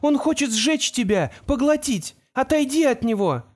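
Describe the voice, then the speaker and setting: A man voicing a frightened young girl apprentice, shrill and desperate. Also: animated, normal speed. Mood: frantic. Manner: shrill, desperate, near tears.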